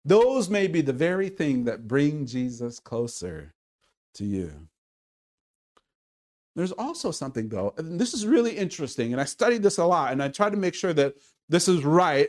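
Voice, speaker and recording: A man preaching a sermon in an earnest, conversational way, now and then calling out loudly. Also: fairly high pitch, very animated, normal speed. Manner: earnest, conversational preaching with sudden loud calls. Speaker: pastor.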